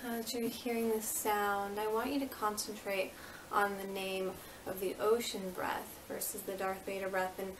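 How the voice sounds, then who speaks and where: A woman yoga instructor leading a guided meditation with soothing, unhurried, gently repeated instructions. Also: mid-range voice, little pitch movement. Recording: roomy, distant mic with faint noise.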